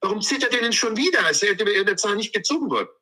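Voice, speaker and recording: A man's voice: high voice, lively intonation, quick pace, pushed and bright, rough recording. A man giving an emphatic, sermon-like Torah commentary, drawing words out and repeating phrases for stress. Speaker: Torah teacher.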